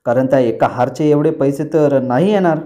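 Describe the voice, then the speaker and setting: A man's voice: mid-range voice, moderate pace, dark tone, close to an everyday voice. A man voicing a meddling middle-aged aunt from a TV serial, speaking in a taunting, prying way.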